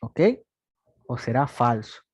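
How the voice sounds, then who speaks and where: In this online class lecture, a man in his twenties patiently teaches math logic, posing questions to students and answering them himself. His mid-range voice is steady, slow, a little mellow and husky, recorded with clean studio sound and no echo. He talks plainly and repeats his points.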